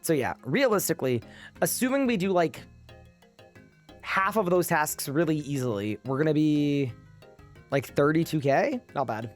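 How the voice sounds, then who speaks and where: A man's voice: fairly high pitch, lively intonation, normal speed, pauses often, soft background music. A sleep-deprived man streaming a game live, chatting casually and reading his chat aloud.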